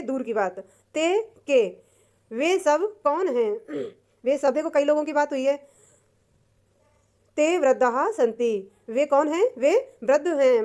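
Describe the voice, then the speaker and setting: A woman teacher explaining a textbook lesson patiently, repeating and translating each word, clearing her throat now and then. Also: high-pitched, a little mellow.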